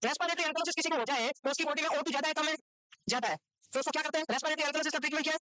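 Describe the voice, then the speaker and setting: Rapid-fire woman lecturer quizzing students. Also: high voice, sharp tone, dry recording, rough recording. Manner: fires rhetorical questions and repeats the answers; mixes English medical terms into Hindi. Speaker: medical lecturer.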